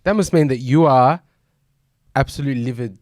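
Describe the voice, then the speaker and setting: A man's voice: mid-range voice, brisk, darkish tone, no echo, studio quality. A man hosting a sports podcast, chatting with a guest and then signing off with thanks to viewers. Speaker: podcast host. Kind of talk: casual interview and sign-off.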